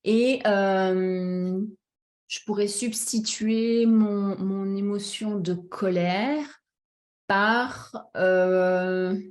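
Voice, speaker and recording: A woman coach gives a talk on emotions to her audience, her voice sitting at a middle pitch. She talks with many fillers and restarts and pauses to check that listeners follow. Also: steady tone, a little mellow. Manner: addresses audience directly, checks understanding. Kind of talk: conference talk, personal examples.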